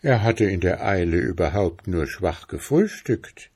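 Slow, expressive male story reader. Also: low-pitched, slightly rough. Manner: expressive, unhurried narration. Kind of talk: storybook reading aloud.

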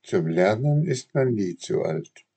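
A man voicing a kind, wise, motherly fairy in a read-aloud storybook, speaking gently and admonishing. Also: fairly low pitch, animated, slow, gravelly, husky, heavily acted.

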